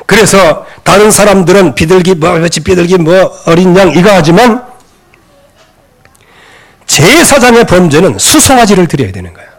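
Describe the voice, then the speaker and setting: Lively high-voiced Korean pastor preaching. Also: male voice, normal speed. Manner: animated preaching, acts out quoted scolding voices. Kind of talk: sermon. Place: church sanctuary.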